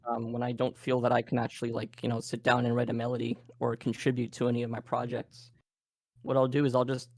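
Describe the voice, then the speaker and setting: A Canadian man talks through a live workshop demo in a relaxed, thinking-aloud way, full of fillers. His voice is gravelly and his pitch stays flat. The sound is dry and close, like a video call mic. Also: quick pace, no echo. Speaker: game audio presenter.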